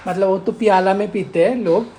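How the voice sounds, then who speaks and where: A man's voice: high voice, brisk, dark tone, slight background noise. A man co-hosting a casual home vlog, teasing and scolding his partner in a bossy way. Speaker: vlog co-host. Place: home room.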